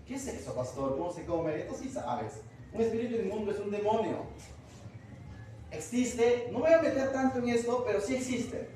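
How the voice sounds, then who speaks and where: Pastor from Peru, high voice, chatty Bible teaching; captured far off in a booming church hall. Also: male voice, expressive, normal speed, mellow, a little hiss or hum. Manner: conversational, asks the congregation questions. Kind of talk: verse-by-verse Bible study sermon.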